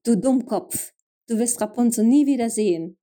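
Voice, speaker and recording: A woman's voice: a little high, moderate pace, mellow, lightly acted. A woman voicing a menacing old witch in a storybook reading, cold and commanding. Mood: scornful.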